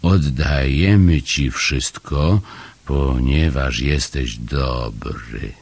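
A man voicing a fussy, reluctant grown-up Hemulen creature in an audiobook story, talking in a slow, grumbling way. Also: extremely low pitch, vocal fry, husky, no room sound, heavily acted. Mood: reading slowly. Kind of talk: audiobook character voice.

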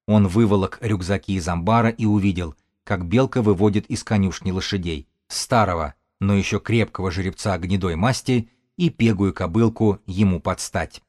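Man reading an audiobook, low voice, steady even pace. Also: dry recording, clean studio sound. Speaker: audiobook narrator. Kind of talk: scripted narration.

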